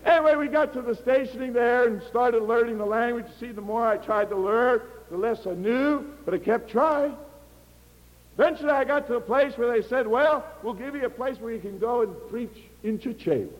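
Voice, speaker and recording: Animated older man preaching in a hall. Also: very high voice, normal speed, dull audio. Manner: animated storyteller acting out dialogue. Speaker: missionary preacher. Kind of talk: sermon with personal storytelling.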